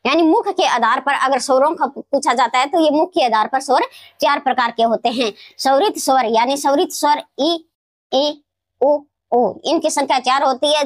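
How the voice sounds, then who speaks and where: A Hindi teacher from Rajasthan, India, explains grammar in a classroom lesson, slowly repeating key words and answering her own questions. Her voice sits high, with no echo.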